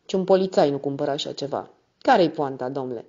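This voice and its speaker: A woman reading the part of a drunk, coarse older woman who is suspicious and greedy for whisky, with a thick, boozy voice and rough slangy talk. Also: deep voice, mellow. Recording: slightly muffled recording.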